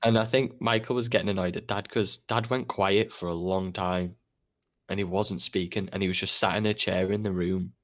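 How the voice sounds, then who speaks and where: A young man from England co-hosting a casual podcast, telling stories in an animated way, laughing often and swearing. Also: low-pitched, moderate pace. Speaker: podcast co-host. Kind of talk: casual chat.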